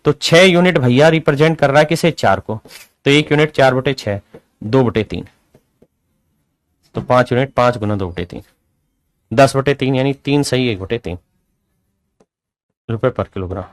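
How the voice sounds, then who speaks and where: A man teaching an arithmetic class, lively and coaxing, often asking his students whether they follow. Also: mid-range voice, a little slow, pauses often, no echo. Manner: lively, calls students "my dear children", rhetorical questions. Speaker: maths teacher. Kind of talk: classroom maths lesson.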